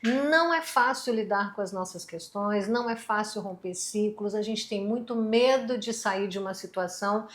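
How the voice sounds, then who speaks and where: A woman's voice: mid-range voice, moderate pace, hardly any pauses. A woman speaking earnestly and encouragingly in a panel discussion.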